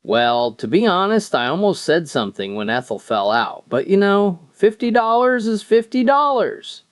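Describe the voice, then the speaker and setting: A man's voice: high-pitched, sing-song, normal speed, clean tone, dry recording, studio quality, voice pushed up. A man playing a thrifty, earnest husband in his late eighties, speaking matter-of-factly in a told joke. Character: thrifty 87-year-old husband, earnest and plain-spoken.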